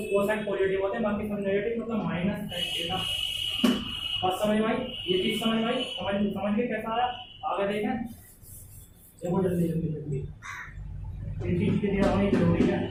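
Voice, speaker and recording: Man, high voice, maths lecture, urgent repetitions, far from the mic, noisy echoey room. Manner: urges students to answer quickly, repeats words. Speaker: maths teacher.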